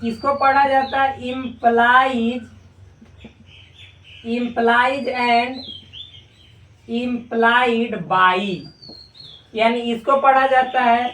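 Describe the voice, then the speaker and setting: A man's voice: extremely high pitch, fairly even intonation, pushed and bright, recorded from a distance, a little hiss or hum. Male maths teacher, chatty and jokey, drags out key words, heard from across a roomy class. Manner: joking, colloquial, drawn-out repetitions. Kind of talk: casual classroom lecture. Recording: echoey room, voice from afar.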